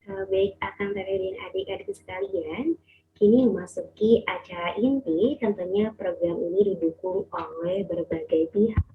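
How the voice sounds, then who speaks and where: A young woman hosts an event as its MC. Her pitch is average for a woman, and the sound is thin and narrow like a phone call. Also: moderate pace, a little hiss or hum. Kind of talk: event hosting.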